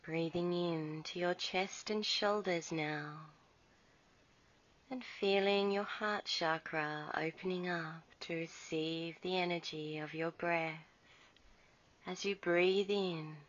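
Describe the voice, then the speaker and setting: A woman guiding a relaxation meditation in a soft, soothing voice. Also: on the low side, fairly even intonation. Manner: soft, slow, soothing delivery. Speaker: meditation guide. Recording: dull lo-fi recording.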